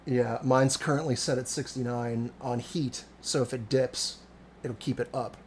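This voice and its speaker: A man's voice: medium pitch, steady tone, unhurried, a little hiss or hum. A man in his forties from the Cincinnati area, chatting casually and rambling with lots of swearing and self-deprecating jokes. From Cincinnati area, USA. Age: 40s. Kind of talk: casual chat.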